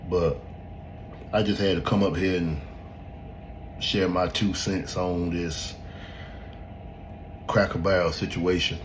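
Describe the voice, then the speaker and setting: A man with a very low, deep voice hosts a podcast and talks straight to his listeners. He speaks bluntly and with emphasis, swearing now and then in loose, unscripted commentary. A faint hiss sits behind the voice. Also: little pitch movement, slow, long pauses. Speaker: podcast host. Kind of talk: casual opinion commentary. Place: at home in front of a laptop.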